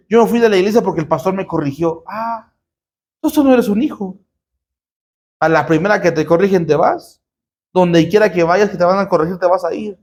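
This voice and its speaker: A man's voice: sits high, a little mellow. A man preaching a sermon to a congregation as pastor, emphatic, with rhetorical questions and call-and-response. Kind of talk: sermon teaching.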